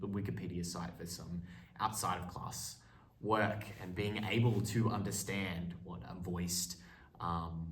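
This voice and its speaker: A man's voice: sits low, slight background noise. A man talking through what he learned in a voice and accent class, hesitant with frequent ums and restarts. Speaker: acting student. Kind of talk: spoken reflection on a course. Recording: roomy echo, mic set at a distance.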